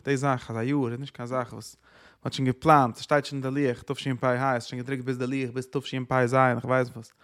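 A man giving a Talmudic lecture as a Torah teacher, emphatic, firing off rhetorical questions, swinging between loud and soft, and dropping in English words. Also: medium pitch.

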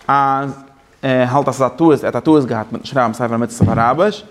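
A man's voice: medium pitch, fast. A man teaching a Torah class, rambling and correcting himself as he goes, with English and Hebrew terms mixed into his talk. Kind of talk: Yiddish-style Torah class.

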